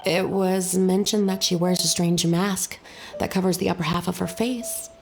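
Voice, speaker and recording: Casting: measured game military aide, woman, lowish voice, deferential and formal, music behind. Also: steady tone, creaky. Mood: matter-of-fact. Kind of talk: video game voice acting.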